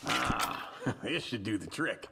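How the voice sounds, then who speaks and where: A man's voice: mid-range voice, expressive, slow, vocal fry, very noisy, full character voice. A man playing a cheerful, folksy old outlaw with an American accent in a video game. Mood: folksy, jovial.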